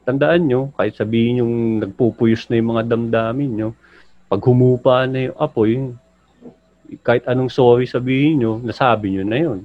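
A man's voice: medium pitch, fairly even intonation, normal speed, no room sound. A joking man co-hosts a casual chat, handing out playful advice with a bit of slang. His voice comes across dry and close, with a slightly dull, muffled sound. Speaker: podcast co-host.

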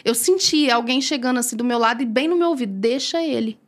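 A Brazilian woman telling a personal faith story as a podcast guest, animated and acting out quoted dialogue. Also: on the high side, fast. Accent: Brazilian Portuguese.

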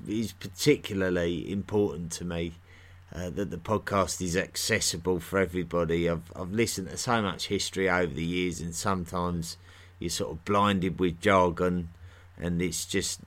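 A man's voice: low voice, a bit bright. A man with a London-area English accent hosting a history podcast, chatting in a friendly way with many ums and restarts. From England, near London. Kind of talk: solo podcast talk.

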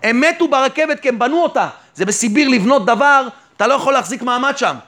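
A man with a strikingly high voice preaches a fervent sermon as a rabbi. He addresses the listener directly, firing off rhetorical questions and answering them himself. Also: expressive, sharp tone. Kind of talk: sermon on faith and trust.

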